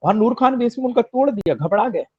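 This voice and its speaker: A man with a high voice delivers fervent political commentary, hammering his points with repeated phrases. He sounds close and dry, with no room echo. The sound is a little dull and muffled. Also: expressive, fast talker, warm tone, breathy edge. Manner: rhetorical, emphatic, repeats phrases for effect.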